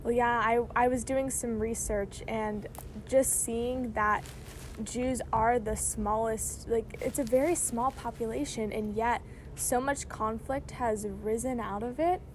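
A woman's voice: fairly high pitch, fairly even intonation, unhurried, a little hiss or hum. A young woman interviewing a friend in casual chat, recorded on a phone in a backyard with no other equipment. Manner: chatty, friendly, uses fillers like "like". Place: outdoors in a backyard.

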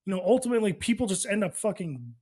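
A man's voice: sits high, big pitch swings, fast, warm tone, husky. A man co-hosting a casual sports podcast, chatting like a profane frat bro who often stammers and restarts. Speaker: podcast co-host.

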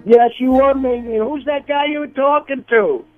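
A man's voice: extremely high pitch, moderate pace, soft background music. A man doing a cranky jealous old husband. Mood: blustering. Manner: gruff, blustering, sputtering. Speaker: caller. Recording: tinny phone line.

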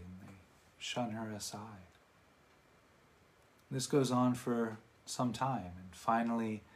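A man giving a dharma talk, retelling a parable in a conversational way with relaxed asides to his listeners. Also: fairly low pitch.

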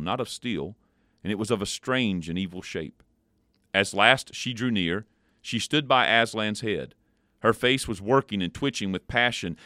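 A man reads a story aloud in a measured, expressive way, then turns to a brief devotional reflection. His voice is fairly low. The sound is dry and close, with no room echo. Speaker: devotional podcast host.

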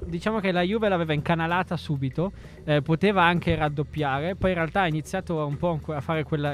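A man with a slightly high voice chats about football as a panelist. He speaks haltingly and reworks his sentences as he goes, with faint music underneath. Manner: halting, hedging, self-correcting. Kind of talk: casual football discussion.

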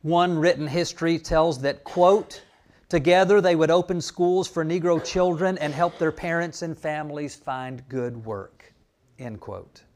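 A man's voice: fairly high pitch, unhurried, a little mellow. Man preaching an anniversary sermon. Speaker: pastor.

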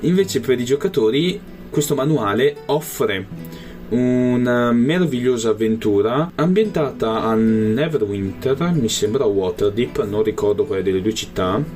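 A man's voice: medium pitch, lively intonation, measured pace, darkish tone, soft background music. A man answering interview questions casually as a role-playing gamer, hesitating as he searches for words. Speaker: interviewed tabletop role-playing player and game master.

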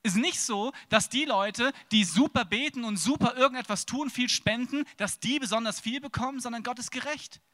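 A man preaching a sermon on stage, with a lively, dramatic delivery that swings from loud to hushed and acts out casual dialogues. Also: very high-pitched, normal speed, hardly any pauses. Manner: plays out casual dialogues with God.

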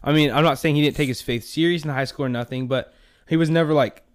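A man's voice: on the high side, fast. A young man hosting a casual faith chat, rambling and saying "dude" a lot. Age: young adult. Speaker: podcast host.

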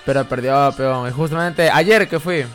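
A man's voice: on the high side, normal speed, faint music behind. A young man with a Peruvian Spanish accent, co-hosting a podcast, telling crude, slangy stories and laughing often. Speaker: podcast co-host. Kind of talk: casual chat.

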